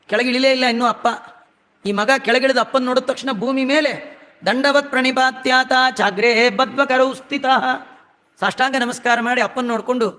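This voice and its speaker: A man with a strikingly high voice gives a devotional storytelling discourse. He slows down to chant scripture verses, then drops back into homely, chatty asides. A long reverb trails every phrase, as in a large hall. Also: pushed and bright. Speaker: religious discourse speaker.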